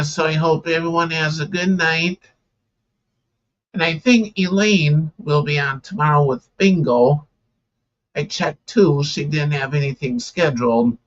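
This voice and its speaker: A man hosting a casual live stream, tired and sleepy, talking slowly with lots of "yeah" fillers. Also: a little high, muffled recording. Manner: slow, relaxed, many "yeah" fillers, tired and yawning.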